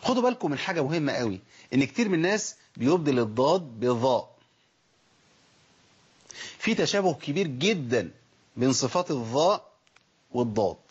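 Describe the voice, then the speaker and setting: Teaching Quran recitation with an Egyptian Arabic accent, this man sounds out letters and poses rhetorical questions. He speaks at a medium pitch, very animated and a little fast, with long pauses and a breathy edge. It's a dull, lo-fi recording.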